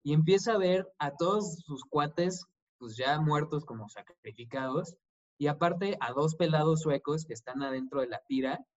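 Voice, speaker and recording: A man with a Mexican accent, co-hosting a casual film chat in a relaxed, slangy way, swearing often. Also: a little high, moderate pace. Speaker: podcast co-host. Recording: dull lo-fi sound.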